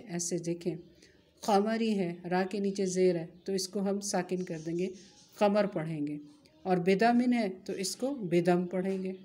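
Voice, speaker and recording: A woman's voice: mid-range voice, mellow. A woman with an Urdu-speaking accent teaching a religious lesson, patiently explaining each rule and asking rhetorical questions that she then answers herself. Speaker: Quran recitation teacher. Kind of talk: explanatory lesson with recited Arabic.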